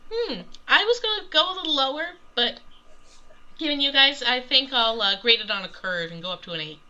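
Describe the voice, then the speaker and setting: A woman's voice: sits high, animated, a little fast, sharp tone. A woman co-hosting a podcast, chatty and agreeable in casual talk. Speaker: podcast co-host. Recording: dull lo-fi sound.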